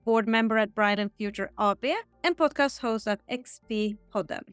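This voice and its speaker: A woman hosting a podcast, reading set interview questions in a steady, bright tone. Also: medium pitch, normal speed, soft background music. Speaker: podcast host. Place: Stockholm.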